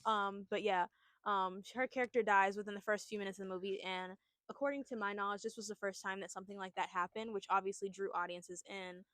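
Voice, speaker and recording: A woman's voice: mid-range voice, steady tone, fast talker, a bit bright, no room sound. A young woman co-hosting a podcast, casually retelling a horror movie plot in a chatty, rambling way. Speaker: podcast co-host. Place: outdoors at a picnic.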